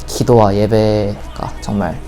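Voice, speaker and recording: Hesitant low-voiced young man. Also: little pitch movement, slow pace, music in the background. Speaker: student interviewee. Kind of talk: interview answers.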